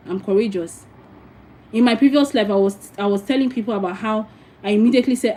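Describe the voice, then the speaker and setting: A woman's voice: medium pitch, mellow, poor audio. A Nigerian woman giving frank, preachy spiritual advice in a casual livestream, with many asides to her viewers. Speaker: spiritual teacher.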